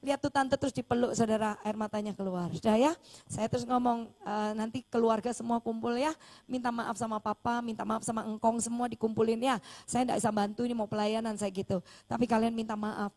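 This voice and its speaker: A woman's voice: fairly high pitch, fairly even intonation, a little fast, a little mellow. A woman pastor, preaching a sermon and telling a story animatedly, acting out the dialogue.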